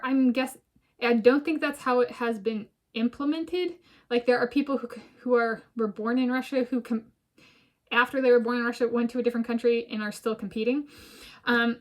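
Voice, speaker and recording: A woman vlogger thinking aloud in a meandering personal monologue, filming herself. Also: a little high. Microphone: self-filmed camera.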